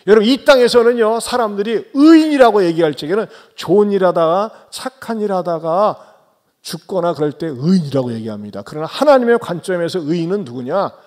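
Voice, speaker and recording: A male pastor with a high-pitched voice delivers a Sunday sermon. He questions his listeners and calls on them directly, dropping to hushed, low remarks before rising into loud, urgent exhortation. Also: expressive, brisk. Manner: swings between soft low asides and loud raised exhortations; questions and addresses the congregation directly.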